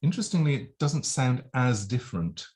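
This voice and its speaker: Vocal coach, male, mid-pitched, patient explainer walking through demos. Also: big pitch swings, normal speed, darkish tone. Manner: explanatory, demonstrates sounds with nose pinch. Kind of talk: vocal demonstration lesson.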